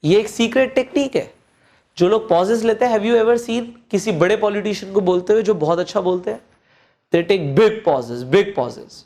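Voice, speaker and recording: A man with a slightly mellow voice coaches presentation skills in a lesson that mixes Hindi and English. He uses deliberate pauses and swings his pitch up and down to stress points and demonstrate modulation, repeating phrases for emphasis and addressing the listener directly.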